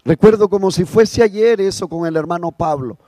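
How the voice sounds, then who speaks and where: A male preacher telling a story from the pulpit with a fairly high voice, dropping to soft low murmurs and then bursting out loudly. His sound is close and dry, with no echo around it. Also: moderate pace. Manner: dramatic, shifts from soft low murmurs to loud high exclamations. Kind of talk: sermon storytelling.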